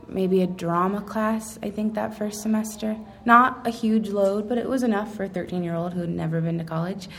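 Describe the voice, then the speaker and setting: A woman's voice: mid-range voice, slight background noise. Young woman telling a story about school, lots of ums, goes off on tangents, normal mid voice. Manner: rambling, self-correcting, with frequent ums. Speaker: speaker recounting her schooling. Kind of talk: casual personal storytelling.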